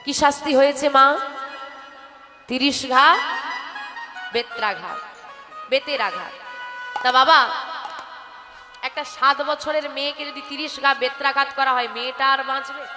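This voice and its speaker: A woman kirtan singer narrating a devotional story in a dramatic, expressive way. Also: sits high, a little slow, long pauses, big-room sound, music in the background.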